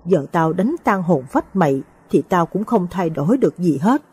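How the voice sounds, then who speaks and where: A woman's voice: lowish voice, very animated, normal speed, darkish tone, slightly rough, exaggerated voice. A woman voicing a grieving old village ritual master in an audio story, bitter and choked with sorrow.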